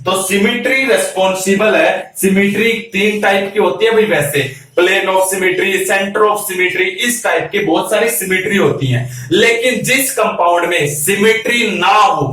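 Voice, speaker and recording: High-voiced male teacher in an echoey room. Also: measured pace, few pauses, pushed and bright. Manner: keeps asking rhetorical questions and answering them himself; calls students "beta". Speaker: chemistry teacher. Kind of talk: classroom lecture. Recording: very echoey room, mic far off.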